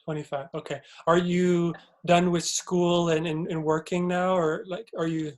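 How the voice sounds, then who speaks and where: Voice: medium pitch, flat delivery, a little slow. An interviewer asking questions in a casual chat, friendly and hesitant, often repeating words as he searches for them.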